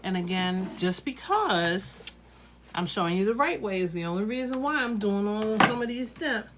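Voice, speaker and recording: A woman's voice: mid-range voice, lively intonation, moderate pace, heavy background noise. A woman teaching quilting in a casual live tutorial, chatty and reassuring as she thinks aloud while working. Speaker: quilting instructor.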